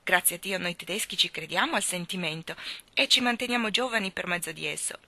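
A woman's voice: on the low side, fast talker, gravelly, bright, forceful tone, full character voice. A woman voicing a romantic middle-aged male professor, speaking ardently and pleadingly.

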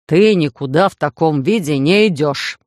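A woman voicing a bossy, jealous young man in a romance audiobook, gruff and grumbling. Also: very deep voice, steady tone, fairly quick, darkish tone, dry recording, clean studio sound. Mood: furious.

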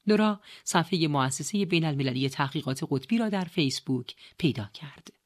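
A woman narrating an audiobook in a steady, measured reading style. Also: low-pitched. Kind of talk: scripted narration.

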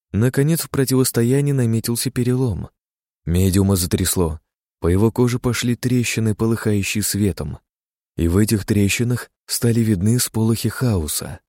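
A man reading a fantasy audiobook as narrator, in a dramatic, steady reading style. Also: on the low side, no room sound, studio quality. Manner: dramatic, steady reading that voices characters' shouts.

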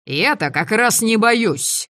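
A woman's voice: fairly high pitch, lively intonation, slow, fairly bright tone, pitched above the performer's own voice. A woman voicing a proud, sardonic young male adventurer in an audiobook, speaking in mocking, self-pitying banter. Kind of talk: audiobook character voice.

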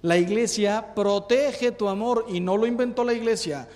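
A priest in his fifties giving a humorous talk on marriage, a lively storyteller. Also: high-pitched, moderate pace, big-room sound. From Mexico. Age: 50s. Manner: lively storyteller who acts out jokes.

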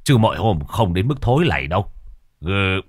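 A man voicing a crude, gruff middle-aged father who talks bluntly and fast. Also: deep voice, sing-song, no echo, clean studio sound. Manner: crude, blunt, quick-talking.

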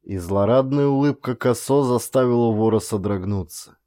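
A man reading a story aloud as narrator, in an even, measured storytelling manner. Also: medium pitch. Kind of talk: scripted audiobook narration.

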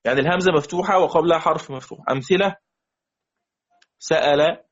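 A man with an Egyptian accent teaching Quran recitation in a classroom lesson, drawing out example words slowly and checking often that students follow. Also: fairly high pitch, fairly bright tone, highs cut off. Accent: Egyptian Arabic.

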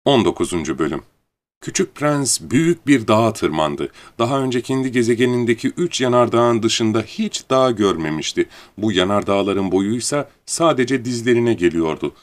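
A man narrating a storybook audiobook in a calm, even storytelling manner. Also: on the low side, moderate pace.

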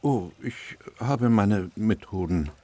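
Earnest doctor-narrator for radio play: low, expressive range, measured and reflective. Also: male voice, breathy edge, full character voice. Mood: probing. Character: Doctor Watson, earnest male doctor and troubled narrator. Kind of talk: radio drama narration and dialogue.

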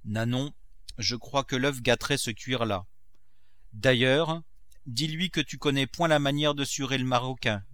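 A man's voice: mid-range voice, unhurried, a bit bright, no room sound, lightly acted. A man playing a curt old miser. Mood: lecturing. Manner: curt and commanding. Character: old miserly cooper, stingy master of the house.

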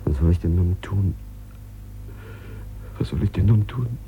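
An actor playing a desperate, sick gambler in debt, pleading and stammering on the phone in a 1950s radio play. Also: male voice, low-pitched, expressive, unhurried, warm tone, a little hiss or hum. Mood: feverish pleading. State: feverish. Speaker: lead character in a radio drama.

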